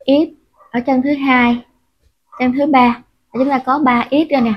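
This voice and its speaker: A woman with a high-pitched, steady, unhurried voice leads a step-by-step crochet tutorial, patiently counting stitches aloud and using filler sounds often. The recording is lo-fi, dull, and muffled.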